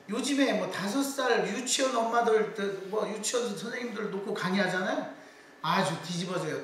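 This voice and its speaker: A man's voice: high-pitched, a little hiss or hum. A middle-aged man lecturing on public speaking, telling stories and quoting people's voices as he goes. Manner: lively storytelling with quoted voices. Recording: echoey hall, voice from far off.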